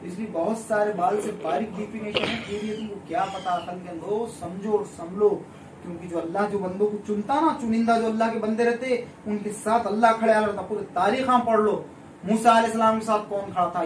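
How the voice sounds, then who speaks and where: A man's voice: sits high, fairly even intonation, fairly quick, a little hiss or hum. A man, a faith healer, preaching a sermon in a scolding, admonishing manner. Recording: echoey room, voice far from the mic.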